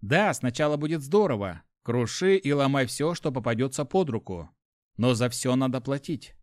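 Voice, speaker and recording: A man reading a first-person audiobook in an even, matter-of-fact way on a close studio mic. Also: mid-range voice, moderate pace, no echo. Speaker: audiobook narrator.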